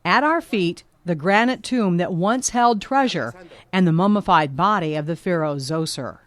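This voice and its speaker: A woman reporter giving a scripted documentary narration, measured and vivid. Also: lowish voice, expressive, fairly bright tone.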